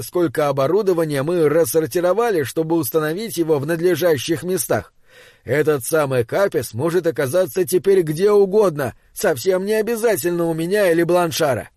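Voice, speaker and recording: A man's voice: a little high, a little mellow, no echo, studio quality, natural voice. A man voicing a puzzled male radio officer in an audiobook, evasive and defensive.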